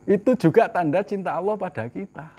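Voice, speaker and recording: Male preacher, fairly high voice, rhetorical questions, loud emphatic peaks and hushed asides. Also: fairly quick, slightly rough. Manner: rhetorical questions answered himself, mixing in Javanese phrases; swings from loud emphatic lines to soft low asides. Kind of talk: sermon.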